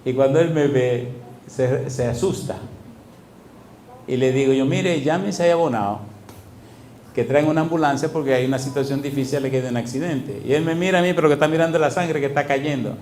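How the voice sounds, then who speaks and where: A man's voice: mid-range voice, a little fast, a little mellow, a little hiss or hum. A man preaching a sermon, telling a story and acting out the dialogue with laughter. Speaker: pastor. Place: church. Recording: echoey church hall.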